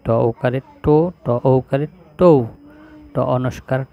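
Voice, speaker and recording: A man teaching spelling to children, reciting letter and vowel-sign syllables one by one in a slow, drilling way. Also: medium pitch, fairly even intonation, narrow, tinny audio.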